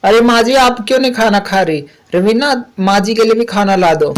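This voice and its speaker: A woman voicing a gentle, caring male crow son who reassures his mother. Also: a little high, a little fast, a little hiss or hum, voice pushed up, natural voice, poor audio. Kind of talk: cartoon voice acting.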